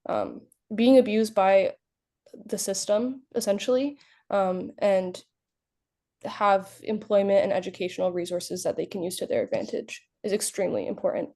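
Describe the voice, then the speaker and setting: A young woman moderates a webinar over a video call. Her tone is mellow and warm. She talks in a relaxed, thoughtful way. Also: mid-range voice, moderate pace. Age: young adult.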